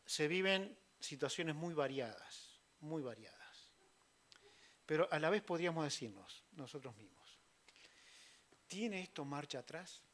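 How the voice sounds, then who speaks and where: A man preaches in a church, his voice sitting a little high for a man. He throws himself into quoted lines with sudden loud bursts, then sinks to soft, almost whispered asides. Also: animated, unhurried. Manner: swings from loud acted quotes to hushed near-whispers. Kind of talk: sermon.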